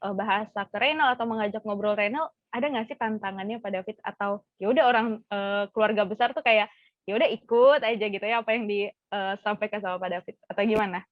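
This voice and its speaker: A podcast host conducts a casual interview, chatty and full of fillers and affirming murmurs. Her mid-range voice moves quickly, with no room sound in the dull, dry, lo-fi recording.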